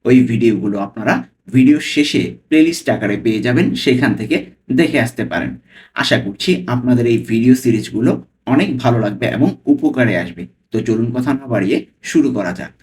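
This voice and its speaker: A man teaching as a language tutor, repeating each phrase slowly word by word and checking in with "okay?". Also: medium pitch, lively intonation, darkish tone, slight background noise. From Bangladesh. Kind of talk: spoken lesson, Italian phrases explained in Bengali.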